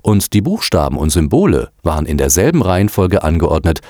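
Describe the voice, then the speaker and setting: A man narrating a children's storybook in an expressive, animated reading. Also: sits low, brisk, no room sound, clean studio sound. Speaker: audiobook narrator.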